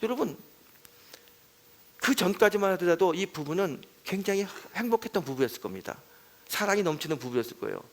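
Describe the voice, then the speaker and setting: Impassioned Korean pastor preaching. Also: male voice, sits high, big pitch swings, brisk. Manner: swings from soft storytelling to loud pleading in acted prayers. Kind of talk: revival sermon storytelling. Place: church sanctuary.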